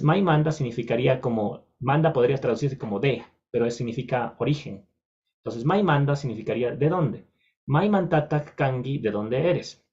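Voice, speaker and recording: A man explains a language lesson to the camera at a patient, steady pace, often pausing on fillers and correcting himself mid-word. His voice sits at a middling pitch for a man. The audio is dull and slightly lo-fi. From Ecuador. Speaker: language teacher. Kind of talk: recorded video lesson.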